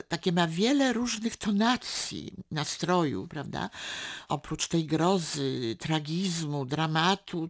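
A woman's voice: low-pitched, creaky. A woman in a casual talk about a novel, hesitant and often repeating words as she thinks. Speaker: book discussion guest. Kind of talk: casual literary discussion with reading aloud.

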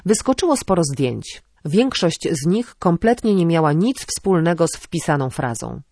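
A woman reading a novel aloud as an audiobook narrator, in a measured, even delivery. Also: fairly low pitch, dry recording, clean studio sound. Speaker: audiobook reader. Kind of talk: scripted narration.

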